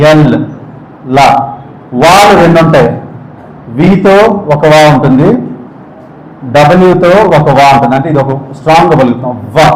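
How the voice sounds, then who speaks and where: A man teaching English speech sounds, often quizzing listeners and slowly repeating each sound. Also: fairly high pitch. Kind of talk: spoken English phonetics lesson. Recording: echoey room.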